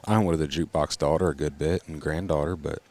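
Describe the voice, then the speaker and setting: A man's voice: a bass voice, fairly even intonation, fast talker, darkish tone. A man hosting a podcast, chatting in a laid-back way with short agreeing replies. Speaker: podcast host. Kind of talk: casual chat.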